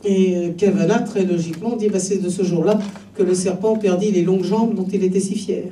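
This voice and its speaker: A man's voice: sits high, steady tone, fairly quick, background noise. A man hosting a small gathering, introducing a guest in a chatty, hesitant way. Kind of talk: casual introduction. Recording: roomy, distant amateur video recording.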